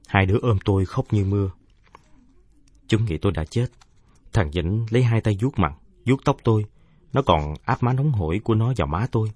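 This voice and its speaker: A man with a low, husky voice reads a first-person story with earnest feeling. The sound is dry and close, with no room around it. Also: a little mellow, no room sound. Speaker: narrator.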